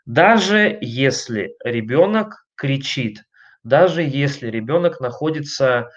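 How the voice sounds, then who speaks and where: A man giving an online lecture on family communication, talking emphatically and conversationally, putting questions to his listeners and pausing on fillers between points. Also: medium pitch, animated, highs cut off. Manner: emphatic, conversational, addresses listeners directly with frequent rhetorical questions.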